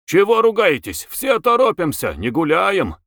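A man's voice: sits high, moderate pace, no echo, clean studio sound, pitched above the performer's own voice. An adult man voicing a snub-nosed teenage boy coachman who is cheeky and talkative, in an audiobook reading. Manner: lively, talkative, rustic. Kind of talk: audiobook character voice.

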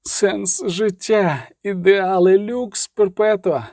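A man's voice: sits high, moderate pace, dark tone, no echo, clean studio sound. A man voicing a young male fighter who sobs and stammers in shame. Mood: sobbing despair. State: crying, stammering.

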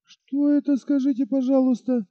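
A man voicing a proud, defiant young peasant woman in an audiobook, raising his voice to a high girlish pitch. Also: steady tone, moderate pace, dry recording, muffled recording. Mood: scornful, defiant. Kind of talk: audiobook character voice.

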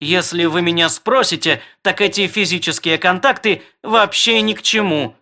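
A man's voice: high voice, moderate pace, sharp tone, exaggerated voice. A man doing a grating metallic robot. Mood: fussy. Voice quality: creaky metallic bark. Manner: pedantic, long-winded and apologetic. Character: grating metallic wedding robot, fussy and officious, male. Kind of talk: audiobook character voice.

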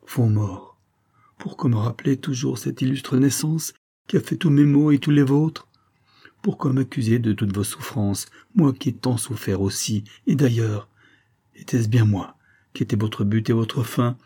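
A man's voice: mid-range voice, a little slow, mellow, husky. A man reading an audiobook, voicing an anguished middle-aged nun who pleads and reproaches in a raised, strained voice. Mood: reproachful. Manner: pleading, fearful.

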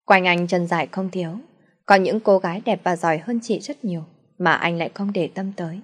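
A woman tells a family drama as a steady, measured narrator. Her voice sits slightly low. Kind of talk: storytelling narration.

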